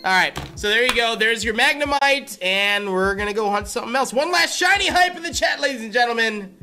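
A man streaming a game, chatting excitedly and swinging between loud hype shouts and quiet mumbling. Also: extremely high pitch, brisk, soft background music. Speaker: gaming streamer. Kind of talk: live-stream gameplay commentary.

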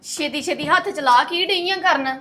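Woman playing a sharp, bossy young wife. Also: high-pitched, normal speed. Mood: scolding. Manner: scolding, commanding. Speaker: bossy daughter-in-law. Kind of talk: web drama acting.

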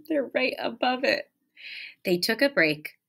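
An animated woman elementary school teacher reads a picture book to children, with asides, in a small indoor room by a window. Her high voice is slow, gravelly and slightly rough, and she engages the young listeners with questions and prompts, expressively stressing key words.

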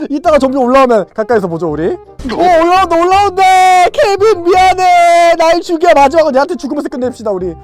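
A VR game YouTuber giving excited gameplay commentary, loud and playful, yelling at the characters in the game. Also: sits high, fairly quick, few pauses, faint music behind.

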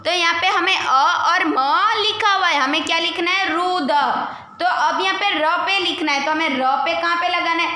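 A woman teaching young children a Hindi lesson, stretching out each syllable slowly and asking them to repeat. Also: very high-pitched, bright, forceful tone, very echoey. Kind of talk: primary school Hindi lesson. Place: school classroom.

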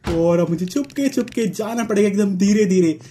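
A man's voice: high voice, moderate pace, mellow, a little hiss or hum. A young man giving running commentary while he plays a horror game, tense, urging himself on and yelping when caught. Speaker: gaming YouTuber.

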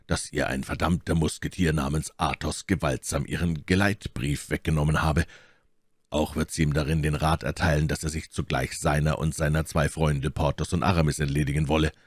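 A man reading aloud voices a calm, cool-headed musketeer who speaks quietly and indifferently. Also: rumbling low, dry recording, studio quality.

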